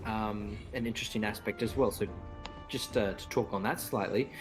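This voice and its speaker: A man co-hosting a gaming livestream, relaxed and explanatory, with hesitant pauses. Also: on the low side, low-quality recording. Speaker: co-host and coach. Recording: game music behind.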